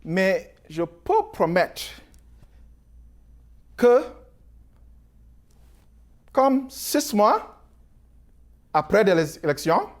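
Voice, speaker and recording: A man with a foreign accent in French, a non-native speaker giving a halting, apologetic campaign message in simple words. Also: sits high. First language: not French. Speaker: mayoral candidate.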